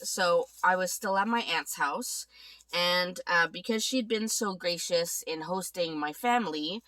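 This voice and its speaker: A woman's voice: fairly low pitch, fairly bright tone. A congested woman recovering from a cold, chatting casually about her weekly budget as she works through her planner. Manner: chatty, thinking aloud while working. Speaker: vlogger.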